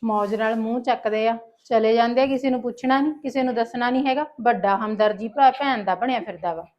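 A high-pitched, scolding village wife with a Punjabi accent, played by a woman. She nags her husband and his sister in a sharp, grumbling tone. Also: a little fast, lo-fi sound, close to an everyday voice. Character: nagging, jealous village wife, sharp-tongued. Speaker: quarrelsome wife and sister-in-law. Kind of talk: comic family drama acting.

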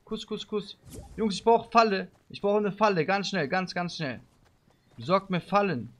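A man live-streaming a game, chatting with viewers in street slang and giving them playful orders, breaking into loud shouts. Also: high voice, lively intonation, moderate pace. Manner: bossy playful commands to viewers; street slang, calls people bro. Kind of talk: live-stream gameplay chat.

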